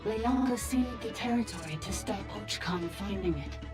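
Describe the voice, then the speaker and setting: An actress voicing an ancient, formal machine being whose voice comes through a choppy, breaking-up signal. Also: female voice, mid-range voice, moderate pace. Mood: detached. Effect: choppy, breaking-up transmitted signal. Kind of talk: game voice acting. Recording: echoey studio mix with game music.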